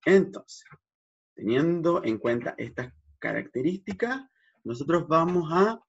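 Very animated and fairly high-pitched, this male speech therapist speaks at a measured pace with vocal fry and a breathy edge. In his educational lesson on vowel gestures he checks in often and shows sounds with exaggerated articulation, all captured on a dull lo-fi recording.

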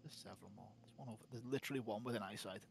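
A man's voice: fairly low pitch, racing, gravelly. A man from England with a Liverpool accent, co-hosting a game stream with dry, teasing jokes and whispered asides. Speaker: co-host. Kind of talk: casual gaming stream chat.

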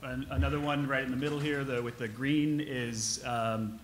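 A man in his forties, an architect co-presenting on a panel, talking casually with many halting fillers. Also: mid-range voice, level tone, a little hiss or hum. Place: large conference hall. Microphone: podium microphone.

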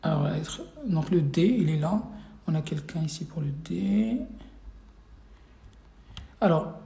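A man's voice: a little high, slow, vocal fry, dark tone, reverberant. A man teaching an Arabic reading class online, running a live quiz and patiently repeating each question several times for his students.

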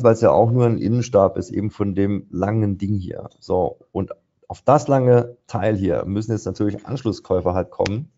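A trader runs a live session, commenting on market charts over screen share and thinking aloud with many fillers. His voice is lowish and warm, and the sound is lo-fi.

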